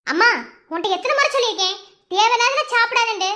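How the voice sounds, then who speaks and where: A squeaky, bossy young village daughter with a Madurai Tamil accent, as a woman voices her, chiding fast in a cartoon. The voice is very high, bright and rapid. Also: animated, slight background noise, full character voice. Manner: chiding, fast and sing-song. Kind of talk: cartoon voice acting.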